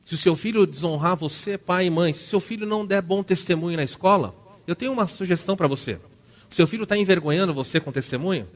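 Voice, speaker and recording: A man in his thirties preaching a sermon as pastor, with a Brazilian Portuguese accent, who acts out family scenes and moves between loud and soft. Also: high-pitched, fast. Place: church.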